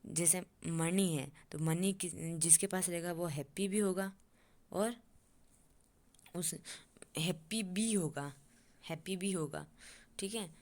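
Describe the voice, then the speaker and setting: Young woman, low-pitched, patient and repetitive, teaching exam mnemonics. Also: fairly even intonation, a little slow, pauses often, a little mellow. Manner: repetitive, keeps asking "ठीक है?" and checking on the listener. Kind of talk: exam-prep memory tricks lesson.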